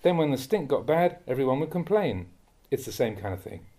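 A man, a monk, reading a Dhamma talk aloud in a measured, admonishing way that rises sharply when he scolds. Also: mid-range voice, sing-song, warm tone. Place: monastery.

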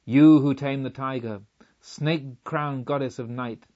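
A man voicing a fierce, chained robber chief who speaks gruffly and growls, rising to a booming call. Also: normal speed, highs cut off, lightly acted. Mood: thundering. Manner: grows loud and booming in his invocation.

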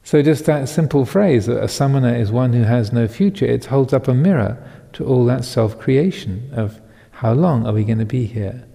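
A Buddhist monk in his fifties giving a Dhamma talk, reflective and halting, with many pauses and soft chuckles. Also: mid-range voice, lively intonation, creaky. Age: 50s. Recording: long hall reverb.

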